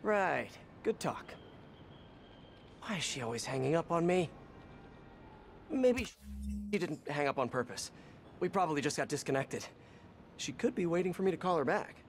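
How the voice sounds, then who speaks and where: Wry chatty superhero guy, bit high, noisy game audio. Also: lively intonation, moderate pace, creaky, long pauses. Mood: rambling. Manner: quippy, rambling to himself. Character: young male superhero, wisecracking and chatty.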